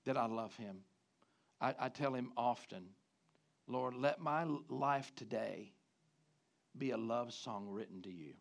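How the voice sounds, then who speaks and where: A man preaching a sermon, swinging from loud emphatic rises to quiet low drops. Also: a little slow, creaky, pauses often. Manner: preaching with sudden loud rises and soft drops, mimicking guys. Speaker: pastor.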